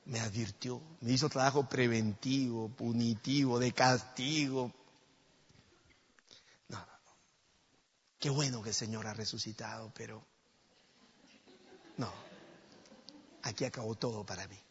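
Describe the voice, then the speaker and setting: A man preaching a sermon in a church, telling a story dramatically and swinging between loud exclamations and hushed near-whispers. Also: mid-range voice, steady tone, measured pace, long pauses, breathy edge, dull audio.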